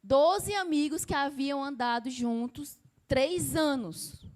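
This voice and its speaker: A Brazilian woman delivers an emphatic sermon, posing rhetorical questions to the congregation and lowering her voice, slow and deep, to act out quoted lines.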